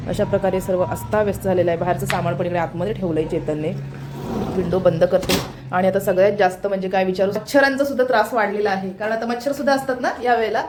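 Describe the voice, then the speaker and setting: A woman's voice: mid-range voice, background noise. A woman vlogger chatting casually as she walks a phone camera around her home and kitchen, pointing things out as she goes and getting over a cold and fever. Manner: chatty, repeats "look here" as she shows the camera around. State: recovering from a cold and fever, feels weak. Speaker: family vlogger. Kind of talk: casual home tour vlog. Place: apartment home, indoors, in the kitchen and by the windows.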